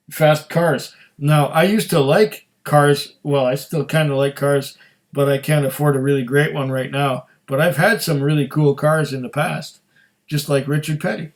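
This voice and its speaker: A middle-aged man who hosts a whisky tasting, talking in a rambling, chatty way with frequent restarts. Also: a little high. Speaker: whisky reviewer. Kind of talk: casual tasting chat.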